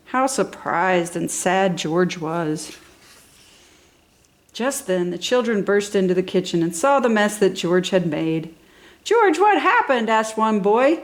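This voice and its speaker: A woman who reads storybooks for a toddler channel narrates a scripted children's story with enthusiastic, exaggerated emphasis for young listeners. Her voice is fairly low, expressive and slow-paced.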